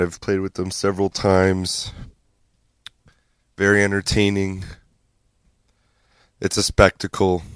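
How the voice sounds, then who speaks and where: A man hosting a radio show, talking in a relaxed, chatty way between records. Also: fairly low pitch, smooth, dry recording, studio quality. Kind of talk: casual radio DJ talk.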